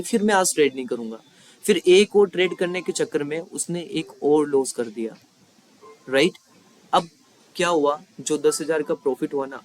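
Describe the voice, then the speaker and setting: Man teaching in a slightly high voice. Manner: conversational, repeats points with rhetorical checks. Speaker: trading mentor. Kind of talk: explanatory lesson.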